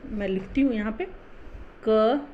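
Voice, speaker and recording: A woman teaching a Hindi class, explaining pronunciation slowly and patiently, spelling out sounds syllable by syllable. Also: a little high, mellow, lo-fi sound, slight background noise.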